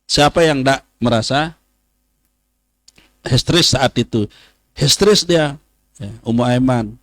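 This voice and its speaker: A man, teaching a religious study session, who says Arabic phrases slowly and then explains them. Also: medium pitch, a bit bright, no room sound. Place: pesantren study hall.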